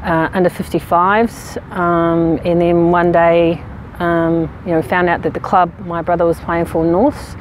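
A woman in her thirties from New Zealand, a rugby player answering interview questions outdoors in a frank, relaxed way with many fillers. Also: lowish voice, unhurried, slight background noise, low-quality recording. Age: 30s. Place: outdoors on a sports field. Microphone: camera at medium distance.

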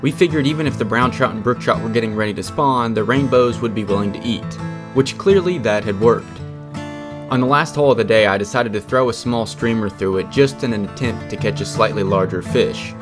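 A man calmly narrating a fishing trip in a scripted voice-over. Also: medium pitch, brisk. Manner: calm, matter-of-fact storytelling. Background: guitar music.

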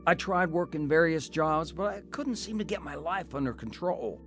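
With faint music behind him, a man with a somewhat high, slightly bright voice speaks animatedly at a normal pace. In a radio drama he plays a disillusioned young husband and father looking back on his troubled life, narrating in the first person and acting in scenes with a reflective, regretful mood.

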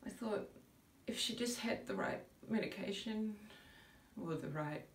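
A woman's voice: medium pitch, lightly acted. A middle-aged woman playing a grieving, bewildered mother in a dramatic monologue, a searching soliloquy that halts and gropes for words. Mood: subdued, searching. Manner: searching soliloquy, halting with long pauses, groping for words. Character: grieving mother recalling her daughter's decline, subdued and bewildered. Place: indoor room before a curtain, recorded from a few feet. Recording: roomy echo, distant microphone.

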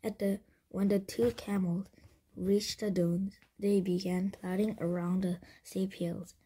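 Soft, breathy woman reading a storybook. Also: mid-range voice. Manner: soft, half-whispered reading with frequent stumbles and restarts. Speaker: reader. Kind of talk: reading a children's chapter book aloud.

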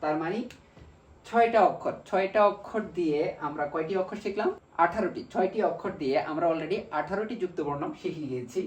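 A man with a Bangladeshi Bengali accent teaching a language lesson, slowly drilling syllables one by one. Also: high voice, expressive, lo-fi sound. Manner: slow, repetitive drilling of syllables. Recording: echoey room, mic far off.

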